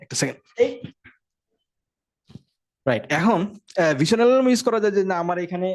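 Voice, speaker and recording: Man, casual tech lecture, rapid delivery, slightly high voice, keeps checking in with listeners. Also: big pitch swings. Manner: fast, conversational, frequent check-ins. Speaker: instructor.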